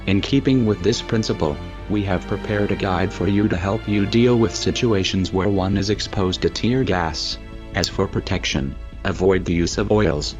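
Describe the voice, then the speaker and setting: A disguised, very deep male voice delivers a formal, scripted statement as an anonymous spokesperson, measured and instructive. The audio is dull and lo-fi, with faint music running underneath. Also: a little mellow.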